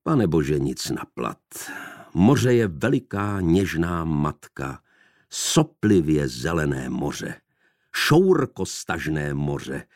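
A man's voice: extremely low pitch, sing-song, darkish tone, no room sound, clean studio sound, voice pushed down, heavily acted. A man voicing a jovial mocking young man. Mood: rhapsodic. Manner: bantering, theatrical.

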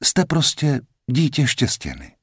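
A brisk, cheerful young nurse, as a male audiobook reader puts her on talks in a lifted, chattering voice. She sounds bright and reassuring. The voice sits well above the reader's own deep tone, in a dry, close setting. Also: wildly swooping pitch, breathy edge, no room sound. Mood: chatty. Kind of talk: audiobook reading.

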